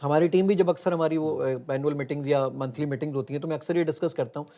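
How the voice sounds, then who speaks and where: A man's voice: a little high, steady tone, warm tone. A man, the founder of a tech app, talks earnestly in an interview and walks through a live demo step by step. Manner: earnest, explains step by step while showing a phone.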